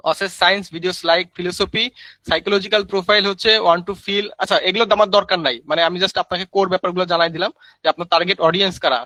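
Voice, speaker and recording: A man's voice: high-pitched, bright, forceful tone, no echo, poor audio. A man teaching a live screen-share tutorial, chatty, calling viewers brother and using many fillers. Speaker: online course instructor.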